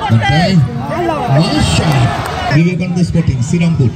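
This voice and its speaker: A man's voice: fairly high pitch, animated, moderate pace, vocal fry, loud music behind the voice. A man giving frantic, exclamatory live football commentary outdoors at a local ground. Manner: exclamatory, addresses the crowd. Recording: loud crowd and outdoor street noise. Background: loud crowd, outdoor urban noise.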